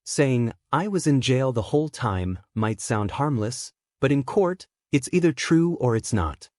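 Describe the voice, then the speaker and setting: A man calmly explaining the courtroom exchange as a scripted voice-over. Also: medium pitch, unhurried, no echo, studio quality. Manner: calm, explanatory. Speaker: commentator. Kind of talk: scripted narration.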